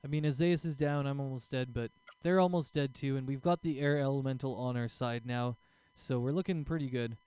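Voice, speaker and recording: A man's voice: mid-range voice, brisk, few pauses, dark tone, clear, resonant tone. A man acting as game master, casually narrating a tabletop role-playing game.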